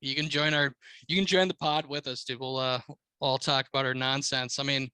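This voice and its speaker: A man's voice: mid-range voice, little pitch movement, a little fast, sharp tone, clear, resonant tone, no room sound. An American man co-hosting a casual podcast, talking like a slangy, swearing frat bro. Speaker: car podcast co-host.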